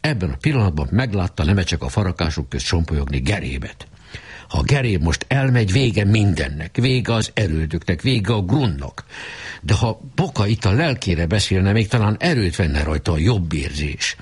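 A deep-voiced male narrator reading a storybook aloud with a husky, breathy grain. His pitch moves in a lively, animated way. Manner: expressive reading. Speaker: audiobook narrator.

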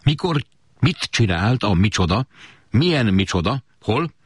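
A man's voice: fairly low pitch, sing-song, slightly rough, no echo, pitched above the performer's own voice. Man playing a keen riddle-poser, declaiming, dry close sound. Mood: eager. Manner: eager, declaiming. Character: eager adult friend posing riddles at the table.

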